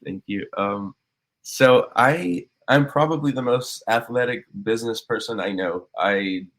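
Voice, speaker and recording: A business owner in his thirties, born in Cuba and raised in Miami, appears as a guest on a casual podcast interview. He talks earnestly in a medium-pitched, fairly bright voice at an unhurried pace, with lots of fillers and restarts.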